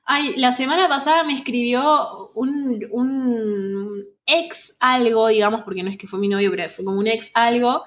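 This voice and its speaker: A woman's voice: on the high side, normal speed. A young woman with an Argentine accent co-hosting a podcast, chatting casually and telling stories with quoted dialogue. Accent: Argentine Spanish. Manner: animated storytelling, quoting others. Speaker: podcast co-host. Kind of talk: casual chat.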